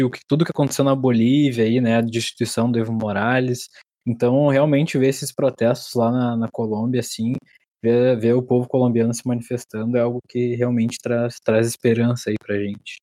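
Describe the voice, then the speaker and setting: A man co-hosts a podcast discussion in a casual, southern Brazilian accent. His voice is relaxed and dark, with hardly any room sound. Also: medium pitch, brisk, no room sound. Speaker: podcast co-host.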